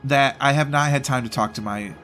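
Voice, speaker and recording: Faint music plays behind a stuffy-nosed man hosting a gaming channel, who chats a little fast about a channel update in a medium, slightly bright voice. His delivery is loose and meandering, full of self-interruptions, recorded voice-only on his home desk mic.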